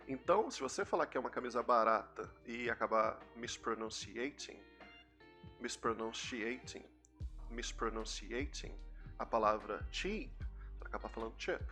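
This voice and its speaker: A man's voice: mid-range voice, sharp tone. A young Brazilian man with a Brazilian Portuguese accent, giving a chatty English lesson and explaining pronunciation with repeated examples. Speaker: English teacher. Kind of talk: casual YouTube English lesson.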